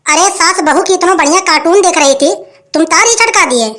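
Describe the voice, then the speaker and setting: A cranky old village mother nags and scolds, as a woman puts her on. Her voice sits very high. This is a comic village sketch. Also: brisk, a bit bright. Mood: scolding. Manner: scolding, nagging.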